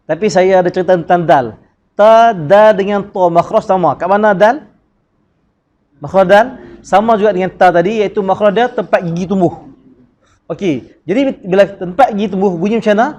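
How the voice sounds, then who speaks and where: A man with a Malaysian Malay accent teaching Quran recitation in a class, drilling syllables and chanting verses slowly. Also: high-pitched, darkish tone. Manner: drills sounds by repeating syllables, asks the class questions.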